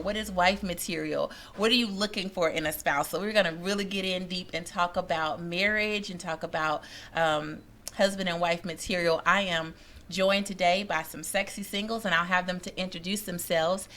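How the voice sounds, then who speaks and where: A woman's voice: medium pitch, sharp tone, a little hiss or hum. A woman who works as a matchmaker and dating coach, hosting a radio talk show in an upbeat, chatty way with many fillers.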